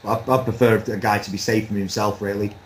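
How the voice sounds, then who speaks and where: Low-voiced man giving relaxed opinions. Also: brisk, rough recording. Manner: relaxed, rambling, with light laughs. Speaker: boxing pundit. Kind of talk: casual chat.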